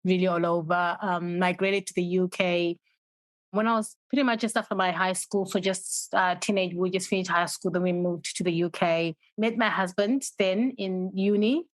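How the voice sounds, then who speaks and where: A woman's voice: lowish voice, no echo, low-quality recording. Woman from Zimbabwe, laughing storyteller. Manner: laughing, storytelling, animated when quoting. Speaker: podcast guest. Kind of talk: casual interview chat.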